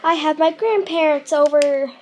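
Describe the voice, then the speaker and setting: Bubbly high-voiced young woman vlogging. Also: moderate pace, poor audio. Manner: chatty, giggly, addresses viewers directly. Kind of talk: casual home vlog. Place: family home at Christmas. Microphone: handheld camera.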